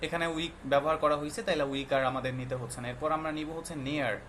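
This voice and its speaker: A patient man with a fairly high, fairly bright voice explains lessons to young children in a classroom, speaking quickly with fairly even intonation. He quizzes them with frequent questions and mixes English words into his explanations. There's a little hiss or hum in the recording.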